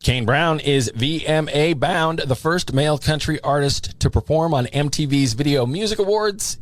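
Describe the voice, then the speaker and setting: An American man presents on country music radio at a normal speed in a slightly high voice, chatty, casual and promotional. The radio aircheck, made on a studio broadcast microphone, has music playing behind him.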